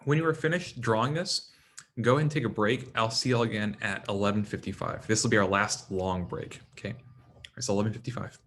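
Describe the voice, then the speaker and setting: A man's voice: lowish voice, steady tone, fairly quick, a bit bright. Casual man lecturing a class. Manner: casual, quizzes students by name, frequent "right?" and "okay?". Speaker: anatomy instructor.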